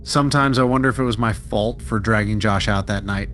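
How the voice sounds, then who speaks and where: A man giving a steady, dramatic scripted narration of a true-style horror story. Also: lowish voice, fairly quick, slight background noise.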